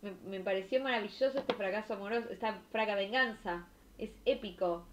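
A young woman from Argentina with a Rioplatense accent, reacting to viewer stories on a stream in an expressive, slangy way. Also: mid-range voice, fairly quick, background noise. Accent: Rioplatense Spanish. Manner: expressive, slangy, laughing and exclaiming. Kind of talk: casual chat reacting to stories.

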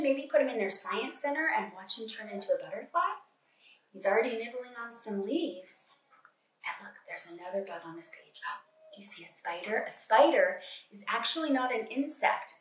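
Sitting at a table in her home kitchen, a middle-aged woman who teaches preschoolers reads a picture book with lively encouragement, gasping and exclaiming and putting questions to small children. Her fairly high voice is captured from a distance in an echoey room, with slight background noise.

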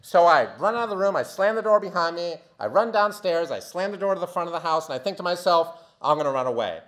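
A man in his fifties from the United States, a doctor telling a theatrical story from his youth in a talk, dropping low and quiet, then building to loud outbursts. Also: quick pace. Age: 50s. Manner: animated, theatrical, swings from quiet to shouting. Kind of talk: storytelling presentation.

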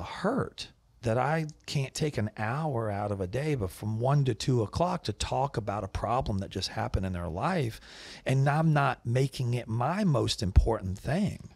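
In a studio set with wooden walls and shelves, a middle-aged podcast host and business owner talks casually into a boom mic, wearing headphones. His voice is unhurried and creaky with no room sound, but he grows animated, loud, and emphatic when making a point.

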